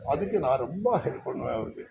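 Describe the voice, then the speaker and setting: A man's voice: medium pitch, animated, quick pace, vocal fry, lo-fi sound. Reassuring male doctor, noisy room. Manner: friendly, reassuring, chatty. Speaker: doctor treating voice problems. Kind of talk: clinic consultation and chat.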